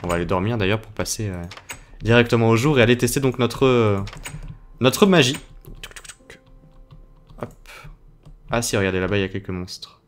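A man's voice: on the low side, normal speed, long pauses. A young French man casually commenting on his game for viewers, playful and chatty, with game music behind him. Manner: chatty, playful, talking to viewers while playing. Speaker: gaming video host. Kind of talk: casual Let's Play commentary.

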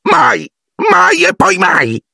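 A man reading an audiobook and voicing a tearful, servile male house elf with a piercing, squeaky voice that wails and grovels. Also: wildly swooping pitch, drawn-out words, vocal fry, sharp tone, husky, no echo, clean studio sound, exaggerated voice. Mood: wailing. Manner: groveling, overwrought, wailing. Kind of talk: audiobook character voice.

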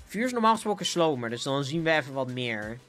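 A man's voice: mid-range voice, very animated, fast talker, a bit bright. A young man with a Dutch accent, chatting casually as a gaming livestreamer, bouncy and giggly, with a sore throat. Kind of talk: casual live game commentary. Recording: faint music behind.

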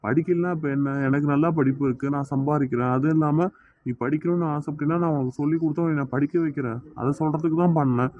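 A man's voice: fairly high pitch, steady tone, quick pace, no room sound, phone-quality sound, lightly acted. A man voicing a teasing but doting young man in a cartoon, speaking with a Tirunelveli Tamil accent. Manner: teasing, coaxing, playfully scolding. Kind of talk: cartoon voice acting.

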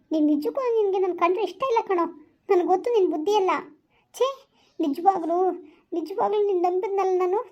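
A woman's voice: very high-pitched, a little mellow. A young woman acting a hurt, reproachful girlfriend in a village skit phone call. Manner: reproachful, repeats herself.

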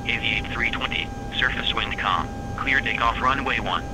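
A man as an air traffic controller, heard as a radio call over a cockpit headset, giving clipped, rapid standard phraseology. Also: mid-range voice. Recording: distant radio transmission under loud noise.

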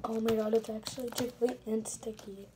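Girl vlogger rambling at her viewers in her bedroom, kinda high voice, crinkly clicky noise in the background. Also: steady tone, fairly quick. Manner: rambling, chatty, apologetic asides. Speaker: slime vlogger. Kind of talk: casual vlog chat to viewers.

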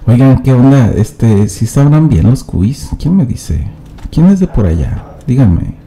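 A man's voice: mid-range voice, big pitch swings, measured pace, mellow. A man doing live gameplay commentary as a streamer, chatting and teasing his viewers directly. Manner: chatty, addresses chat directly, teasing banter.

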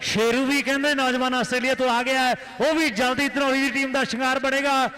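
Very high, frantic Punjabi kabaddi commentator man. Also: fast. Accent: Indian Punjab. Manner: repeats players' names and phrases in excited bursts. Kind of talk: frantic rural sports commentary. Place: live commentary at a village kabaddi tournament ground.

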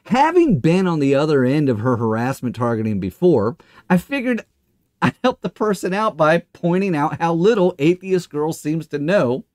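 A middle-aged man delivers a scripted rebuttal as a show host. He is smug and sarcastic, leaning on words for emphasis as he explains. His pitch moves in an animated way, and the sound is dry, with little room echo. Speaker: livestream host and commentator. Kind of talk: scripted monologue rebuttal to camera. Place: small indoor studio.

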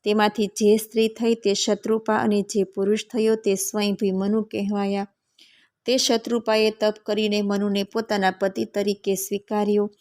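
Woman reading scripture in an even tone. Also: mid-range voice. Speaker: narrator.

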